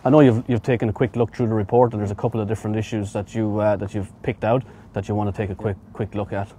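Man, middle-aged, inspector, practical explainer, quick delivery, outdoors. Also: lowish voice, flat delivery, dark tone, slightly rough. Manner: practical, repeats words while explaining. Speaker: machine inspector. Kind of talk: on-site equipment walkthrough. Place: outdoors at an equipment auction yard.

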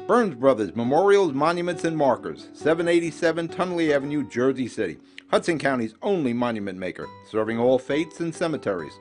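A man's voice: mid-range voice, animated, brisk. A man reading an advertisement as an announcer in an upbeat, emphatic way. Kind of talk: radio-style advertisement read. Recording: ad voice-over with faint guitar music.

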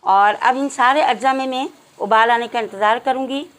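A woman hosting a cooking channel, giving calm step-by-step recipe instructions to her viewers in a home kitchen. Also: fairly high pitch, normal speed, a little hiss or hum, low-quality recording.

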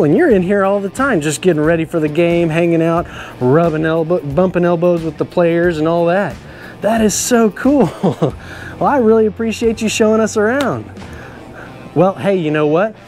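A man's voice: sits high, moderate pace, darkish tone, soft background music. A middle-aged man hosting a children's show as a cowboy, touring a stadium locker room with big enthusiasm and frequent laughs. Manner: enthusiastic, exclamatory, laughs often. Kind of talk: upbeat kids' show tour hosting.

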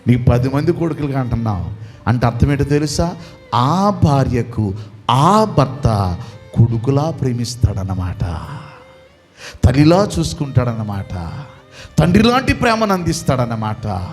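A male pastor, preaching a sermon, swinging from quiet pleading to shouting and repeating questions to the congregation. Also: medium pitch, very animated, normal speed, long pauses, faint music behind.

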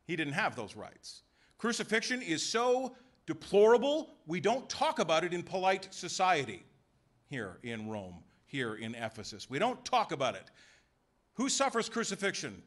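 Emphatic, lively male preacher. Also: fairly high pitch, moderate pace. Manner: emphatic preaching with rhetorical questions and voiced asides. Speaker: pastor. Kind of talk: sermon. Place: church sanctuary.

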